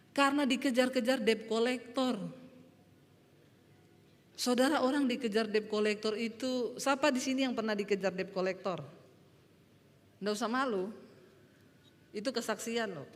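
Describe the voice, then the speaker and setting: A middle-aged woman pastor from Indonesia preaching a sermon, telling an emotional testimony with her voice climbing high and loud. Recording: long hall reverb.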